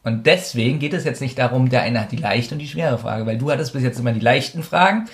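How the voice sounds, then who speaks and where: A man's voice: mid-range voice, fast talker. Boastful joking young man. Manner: boastful, joking, laughs often. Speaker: podcast co-host, quiz contestant. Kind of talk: casual podcast chat. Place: small hot room with friends.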